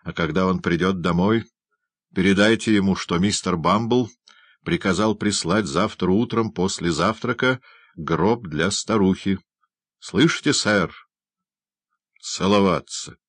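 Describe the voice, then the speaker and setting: A man's voice: low voice, measured pace, no room sound. A man reading an audiobook, voicing a pompous, blustering middle-aged male parish beadle who scolds and moralizes indignantly. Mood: moralizing.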